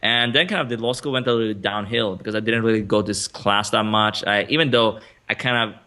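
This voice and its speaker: Man from Sweden, interview guest, lowish voice, bright tone, chatty with fillers. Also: steady tone, fast talker. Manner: chatty, many fillers and restarts, laughs often. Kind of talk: casual interview conversation.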